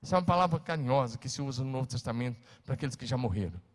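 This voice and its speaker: Emphatic preacher, long hall echo. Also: male voice, mid-range voice, animated, rapid-fire. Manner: emphatic, swings between loud and hushed, calls on listeners to repeat. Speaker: pastor. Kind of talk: sermon.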